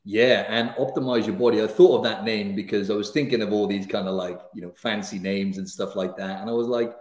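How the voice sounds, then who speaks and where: A man in his thirties with a Welsh accent softened by years in Australia, a fitness coach chatting as a guest on a video call in a casual, upbeat way, full of "you know" and "right". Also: lowish voice, fairly even intonation, fairly quick, echoey room. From Wales. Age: 30s. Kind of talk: casual interview chat. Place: home room, indoors. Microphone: studio mic on video call.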